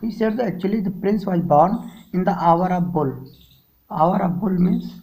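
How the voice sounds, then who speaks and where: A man with an Indian English accent teaching a story lesson, reading a line and then explaining the words simply, with frequent pauses and fillers. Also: sits high, a little mellow, rough recording. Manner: reads a sentence then glosses words in simple terms, halting with fillers.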